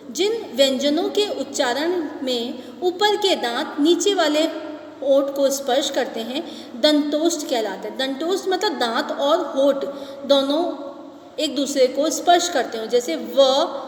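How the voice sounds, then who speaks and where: High-voiced woman teaching in an echoey room. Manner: explains step by step, checks understanding with rhetorical questions. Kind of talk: classroom grammar lesson. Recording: echoey room, voice far from mic.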